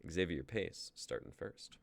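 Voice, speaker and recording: Hosting a group livestream, a young man trades casual, informal, jokey intro banter in a low, animated voice with vocal fry. He keeps a measured pace.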